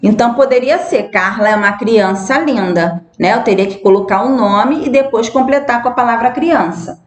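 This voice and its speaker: A woman speaking Brazilian Portuguese, a primary school teacher giving a recorded grammar lesson to children, patient and repeating words slowly with frequent tag questions. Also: fairly high pitch, echoey room.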